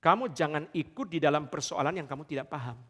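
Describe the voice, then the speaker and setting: Emphatic high-voiced male pastor preaching. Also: expressive, fast, sharp tone, husky. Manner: emphatic, keeps addressing the congregation. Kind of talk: sermon. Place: large church hall. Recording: long church hall reverb.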